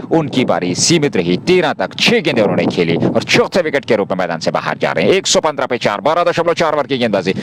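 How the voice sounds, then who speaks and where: A man with a fairly low voice delivers live ball-by-ball cricket commentary at an outdoor ground, flowing and wordy, reciting the scores as play goes on. There's a noisy background.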